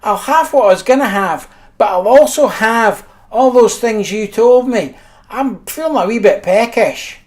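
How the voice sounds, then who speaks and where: A man's voice: high voice, animated, measured pace, darkish tone, pitched above the performer's own voice. A Scottish man putting on the voice of his greedy young brother, cheerful and cheeky.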